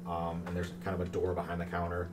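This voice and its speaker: A man's voice: sits low, completely flat delivery, fast talker. A man improvising scene descriptions as the game master of a tabletop game. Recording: noisy room recording.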